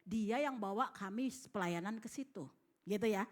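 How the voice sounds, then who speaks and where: A woman's voice: medium pitch, normal speed. A middle-aged woman pastor, preaching a sermon. She tells stories, acts out the voices in them and asks the congregation for responses. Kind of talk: sermon with storytelling. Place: church hall.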